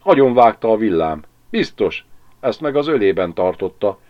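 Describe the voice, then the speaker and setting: An urgent, flustered village man calling out in a raised voice, as a male audiobook reader plays him. His low voice stays lively and swinging. The audiobook recording is slightly dull. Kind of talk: audiobook reading.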